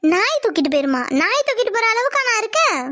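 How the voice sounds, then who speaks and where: A woman's voice: very high-pitched, very animated, quick pace, pushed and bright, exaggerated voice. A woman voicing a lazy, cheeky young daughter in a Tamil cartoon who grumbles and talks back.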